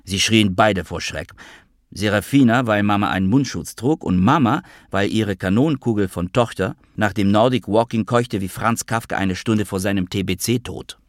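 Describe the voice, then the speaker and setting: A man's voice: on the low side, moderate pace, no room sound. A man narrating a literary audiobook in a dry, ironic storytelling manner.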